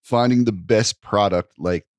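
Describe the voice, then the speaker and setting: A man's voice: lowish voice, unhurried, dry recording, clean studio sound. A man co-hosting a comedy podcast, talking in an easygoing way and chuckling between phrases. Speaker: podcast co-host. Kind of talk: casual chat.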